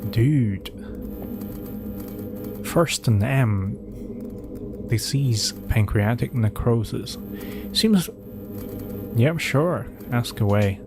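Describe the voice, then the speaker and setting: Speaking extremely slowly and pausing often, a Cantonese-first-language man commentates a horror game in a medium pitch with lively intonation. He reads documents from the game aloud, skips forward with asides and answers chat, while game music plays.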